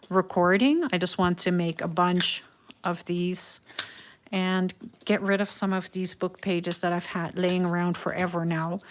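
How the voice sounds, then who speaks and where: This craft livestream host is a middle-aged Dutch woman with a matching accent, talking unhurriedly and thoughtfully to viewers during a live tutorial, with plenty of ums. Her voice is on the low side, and there's slight background noise.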